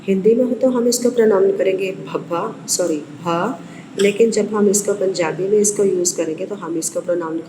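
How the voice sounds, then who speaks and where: A woman's voice: medium pitch, a little mellow. A woman school teacher, patient and methodical, sounding out letters one by one for young pupils. She is recorded in a roomy, echoing space with a long reverb tail. A faint hum of ambience sits underneath. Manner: patient, repeats letters slowly, calls pupils child. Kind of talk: online lesson teaching Punjabi letters.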